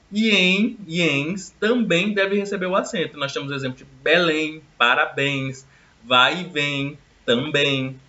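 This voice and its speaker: Male teacher, bright voice, careful step-by-step delivery, lo-fi track with faint music under it. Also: a little high. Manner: explains step by step, stretches example words slowly. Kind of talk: recorded grammar lesson.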